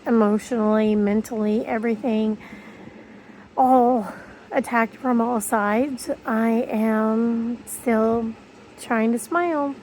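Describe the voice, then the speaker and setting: Higher-voiced woman talking without front teeth. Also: fairly even intonation, slow, darkish tone, a little hiss or hum, low-quality recording. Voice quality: slightly slurred speech from missing front teeth. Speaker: video creator. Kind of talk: casual rambling vlog to viewers. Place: bedroom, lying in bed.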